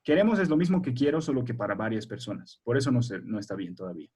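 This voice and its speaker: Husky-voiced man teaching a class online. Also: medium pitch, animated, quick pace, darkish tone. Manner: patient, explains step by step and quizzes pupils. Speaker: primary school teacher. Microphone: video call.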